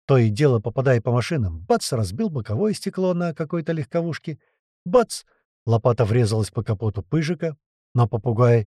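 A man reading an adventure story aloud as a narrator, in a lively storytelling manner. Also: mid-range voice, no echo, clean studio sound. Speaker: audiobook narrator. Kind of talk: scripted narration.

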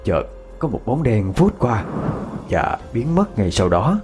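A man narrating a ghost story in a dramatic, expressive reading. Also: mid-range voice, slow pace, faint music behind.

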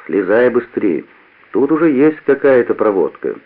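A man reading a story, voicing a brisk young male factory worker who gives orders, on a tinny lo-fi old radio recording. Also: mid-range voice, very animated.

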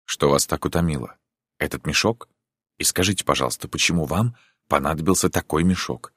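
A man's voice: extremely low pitch, fairly quick, fairly bright tone, slightly rough, dry recording, clean studio sound, heavily acted. A man voicing an embarrassed young prince in an audiobook, formal and restrained in how he talks. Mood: probing. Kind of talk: audiobook character reading.

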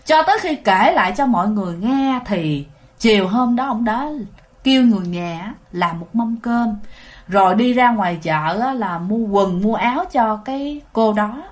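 A woman with a Southern Vietnamese accent telling a ghost story in a casual, animated way, speaking directly to her listeners. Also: mid-range voice, moderate pace.

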